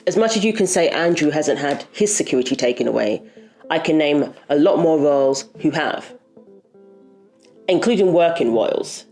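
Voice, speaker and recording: A woman's voice: low-pitched, animated, normal speed, darkish tone, soft background music. A woman hosting a commentary video, talking in an indignant, emphatic way. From Britain. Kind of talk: opinionated commentary.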